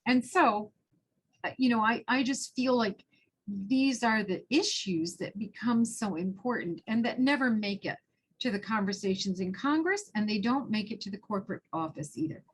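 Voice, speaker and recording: A woman's voice: fairly high pitch, normal speed, slightly rough, poor audio. A woman speaking as a panelist on a webinar, earnest and conversational, telling anecdotes over a video call. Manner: earnest, tells anecdotes with lively quoted dialogue. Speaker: panelist, early childhood educator.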